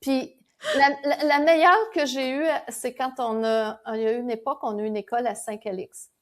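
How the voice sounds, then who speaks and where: A woman with a Québécois French accent, a podcast guest telling lively stories and explaining her ideas, laughing now and then. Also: on the high side, moderate pace. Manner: animated storyteller, laughs while explaining. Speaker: guest, founder of a spiritual school. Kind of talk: conversational podcast interview.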